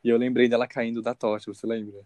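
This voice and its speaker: A young Brazilian man with a Brazilian Portuguese accent co-hosts a podcast, joking around casually and laughing a lot. His voice is medium-pitched, level and darkish, delivered at a quick pace with no echo.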